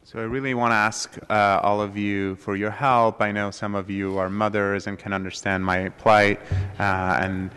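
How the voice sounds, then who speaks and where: A man interpreting a speaker's words into English at a public meeting, hesitant and halting. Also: fairly low pitch, flat delivery, fairly bright tone, smooth. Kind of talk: consecutive interpreting. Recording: long hall reverb.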